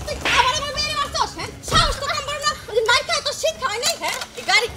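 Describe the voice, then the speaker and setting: A woman playing a harsh, bitter village stepmother who scolds and threatens. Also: rapid-fire. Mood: scolding. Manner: shrill scolding, threatening, mocking. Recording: music playing under the voice.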